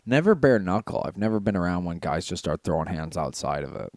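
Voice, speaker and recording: A man with a very low, deep voice talks in loose, casual podcast chat. He is blunt and swears freely as he tells his stories. The sound is dry and close. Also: expressive, fairly quick, darkish tone, no room sound. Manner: blunt and profane, storytelling. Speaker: podcast co-host.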